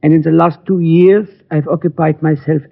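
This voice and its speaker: A man's gravelly, slightly high voice with fairly even intonation portrays an earnest elderly German immigrant gunmaker, small, polite and in his sixties, who is asking for help. Heard through a tinny vintage recording of 1940s radio drama acting, his English is halting and formal, with German-accented foreign phrasing.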